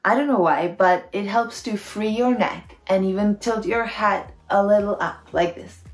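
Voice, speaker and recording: A Czech language teacher gives a pronunciation lesson to foreigners, patiently demonstrating sounds through repeated syllables. Her medium-pitched voice moves at normal speed in an echoey room.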